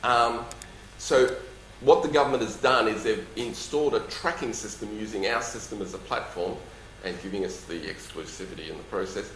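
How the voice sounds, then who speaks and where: A man's voice: lowish voice, moderate pace, hardly any pauses, a bit bright. Lisping man answering questions, roomy echo. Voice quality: lisp. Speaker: company executive presenting and taking audience questions. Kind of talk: public talk with question-and-answer session. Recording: roomy echo, faint background noise.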